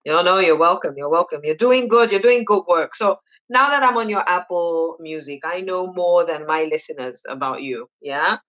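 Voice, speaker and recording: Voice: mid-range voice, animated, normal speed, rough recording. A podcast host from Zambia, interviewing guests and repeating praise. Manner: warm, effusive, repeats praise.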